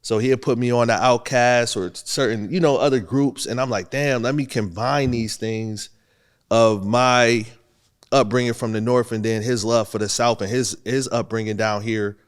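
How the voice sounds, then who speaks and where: With a clean tone, medium pitch and moderate pace, a Buffalo, New York rapper in his youth shares his story as an interview guest. The mood is relaxed, and he laughs frequently.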